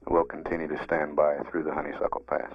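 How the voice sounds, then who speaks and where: A man's voice: extremely low pitch, monotone, fast talker, background noise. An American man giving matter-of-fact mission status commentary as a public affairs announcer. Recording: dull 1960s broadcast recording.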